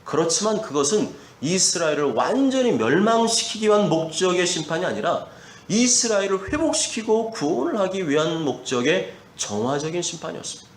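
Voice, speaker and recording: A man's voice: sits high, big pitch swings, a little fast. A male pastor preaching a Sunday sermon, building his points through emphatic repetition. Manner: preaching with emphatic repetition, acting out quoted parents. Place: church sanctuary. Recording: echoey church hall, faint ambience.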